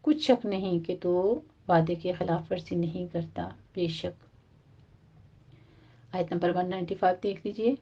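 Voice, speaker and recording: Female recitation teacher, methodical step-by-step explainer, slow chanted recitation, muffled lo-fi sound. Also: fairly low pitch, husky. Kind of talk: tajweed lesson, explaining rules and reciting verses. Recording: dull, muffled lo-fi audio.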